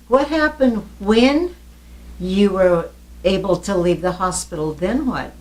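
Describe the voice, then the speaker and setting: A woman's voice: mid-range voice, slow pace, a little mellow. A woman conducting a conversational oral history interview, attentive, with murmured acknowledgements and follow-up questions.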